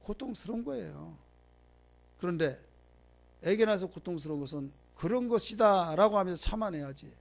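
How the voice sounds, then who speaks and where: A man preaching a Bible lecture to a congregation. He leads call-and-response, has them repeat phrases, and swings from loud emphasis to quiet asides. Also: high-pitched, lively intonation, normal speed, vocal fry. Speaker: pastor. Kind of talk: sermon lecture.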